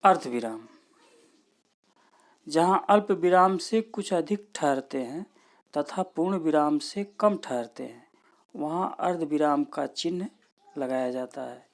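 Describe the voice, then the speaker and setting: A man's voice: fairly high pitch, creaky. A man, a lecturer at a teacher training institute, giving a grammar lesson and explaining each point step by step while repeating his examples.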